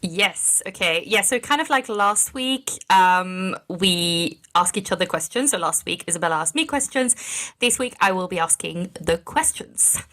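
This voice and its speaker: A woman in her thirties talks through a casual podcast chat with a bright, forward tone. She is earnest and chatty, and she breaks into laughter often. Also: fairly low pitch, lively intonation, normal speed. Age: 30s. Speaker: podcast co-host.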